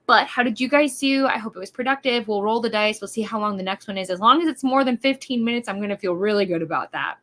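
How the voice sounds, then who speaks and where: A woman's voice: mid-range voice, fast, hardly any pauses, bright, forceful tone. A woman from Wisconsin hosting a casual livestream, chatty and bubbly, over-caffeinated and hyper, rambling with lots of fillers. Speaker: livestream host.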